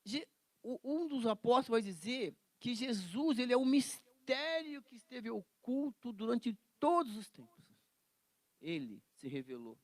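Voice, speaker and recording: A man teaching an informal Bible class, animated and joking, acting out quotes. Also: very high-pitched, unhurried, dry recording. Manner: animated, acts out quotes, jokes and laughs.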